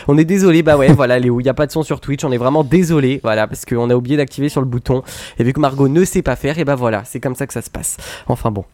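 A man's voice: mid-range voice, quick pace, darkish tone, no echo. A man hosting a live web radio show in a casual, joking and teasing way, with plenty of fillers.

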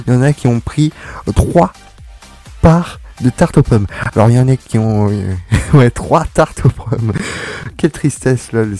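A man's voice: mid-range voice, a little mellow. A young man hosting a casual radio chat, joking and laughing often as he talks. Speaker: radio show host.

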